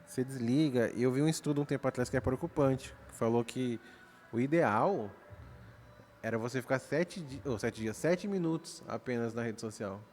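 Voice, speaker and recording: A man's voice: mid-range voice, normal speed, a little mellow, slight background noise. A man with a Brazilian accent, a pastor hosting a casual podcast conversation at his church, chatty and full of slangy jokes. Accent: Brazilian Portuguese. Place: church studio, recorded at night.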